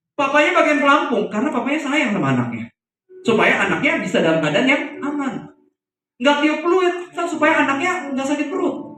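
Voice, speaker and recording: A man with a very high-pitched voice delivers a lively youth sermon in a church hall, telling stories and putting questions to the congregation. The mic is far from him, the hall is very echoey, and music plays.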